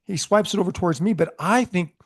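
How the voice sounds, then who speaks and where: Animated man telling cop stories. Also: sits high, fast talker. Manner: animated storyteller, laughs often, shouts quoted lines. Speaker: podcast co-host, former police sergeant. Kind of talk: casual storytelling chat.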